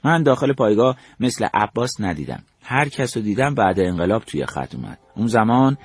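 A man's voice: fairly low pitch, big pitch swings, slightly rough. An older man from Iran recounting his memories as a storyteller, acting out the dialogue he quotes. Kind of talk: spoken memoir narration.

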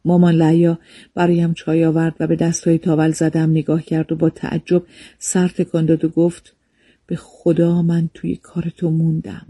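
A man reading a memoir aloud as a calm, measured storybook narration, recorded close to the mic. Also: sits high, no echo.

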